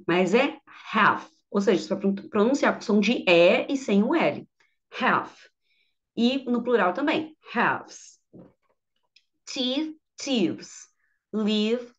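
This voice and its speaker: A woman, teaching English grammar in an online lesson, patient and repeating each word for her students. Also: medium pitch. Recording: dull lo-fi audio.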